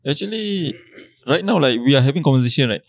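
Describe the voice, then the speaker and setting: A man's voice: fairly high pitch, lively intonation, fast talker, dry recording. A young man with a Singaporean accent in casual chat with friends, using blunt, repetitive Singlish sprinkled with Malay slang.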